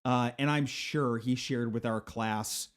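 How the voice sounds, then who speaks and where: A man co-hosting a comedy podcast, chatting casually and often chiming in with quick agreement. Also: medium pitch, steady tone. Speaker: podcast co-host.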